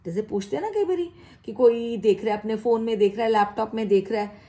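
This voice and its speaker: A woman's voice: a little high, quick pace, dark tone. A woman teaching spoken English, encouraging her learners and repeating example sentences with a questioning tone.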